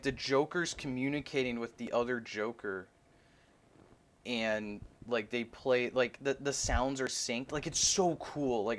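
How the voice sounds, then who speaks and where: A young man chatting casually as he unboxes a toy, rambling and excitable like a fan. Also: mid-range voice. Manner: rambling, excitable fan talk with frequent laughs. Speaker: toy reviewer.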